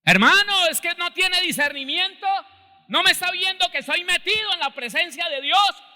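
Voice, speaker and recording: A furious, self-righteous church member yells his indignation at being interrupted mid-prayer, as a preacher acts him out. His voice leaps high and harsh, forceful and strained, bouncing around an echoey church hall. The tone is raw anger with no restraint. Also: normal speed. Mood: furious shouting. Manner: shouting, indignant. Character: irate praying man, self-righteous, shouting back.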